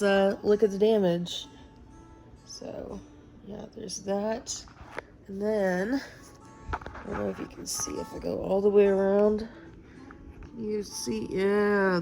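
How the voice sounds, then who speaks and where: A woman's voice: mid-range voice, vocal fry. A tired woman with a Texan accent, rambling casually through a book vlog and laughing often. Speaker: vlogger reviewing a book. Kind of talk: casual talking-head chat.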